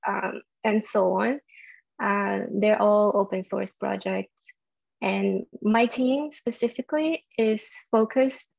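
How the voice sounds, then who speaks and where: A woman's voice: medium pitch, creaky, a little mellow, dull audio. A young woman from Brazil with a Brazilian Portuguese accent, presenting a tech talk and explaining things with frequent ums and uhs. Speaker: software developer giving a conference talk.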